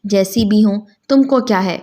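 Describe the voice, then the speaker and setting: A woman's voice: medium pitch, dark tone, close to an everyday voice. A woman voicing a headstrong, lovesick young woman with curt, defiant lines in a storybook reading. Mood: rude.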